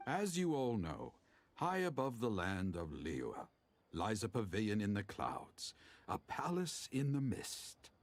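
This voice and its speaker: Theatrical, pretentious poet storyteller. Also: male voice, lowish voice, wildly swooping pitch, unhurried, full character voice. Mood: grandiose, poetic. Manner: pretentious poet delivery, slam-poetry declaiming. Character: male teahouse storyteller, theatrical, grandiose, poetic. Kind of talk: dramatic storytelling in a video game. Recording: prominent music behind the voice.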